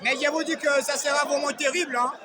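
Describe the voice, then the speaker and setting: High-pitched boxing announcer over crowd noise. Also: male voice, quick pace. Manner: excited, emphatic, repeatedly calling out fighters' names. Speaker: boxing commentator. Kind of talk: live fight commentary in the manner of a boxing ring announcer. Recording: noisy live event with loud crowd.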